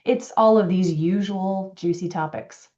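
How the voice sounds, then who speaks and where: A woman executive coach talking in a podcast conversation, animated and acting out quoted voices. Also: medium pitch, a little slow. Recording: dull lo-fi audio.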